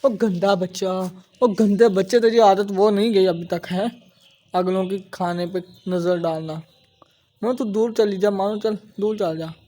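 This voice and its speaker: Outdoors by his pet cages, a vlogger chats casually while feeding his birds, fondly scolding them as they eat. His voice is high and warm, with fairly even intonation and an unhurried pace.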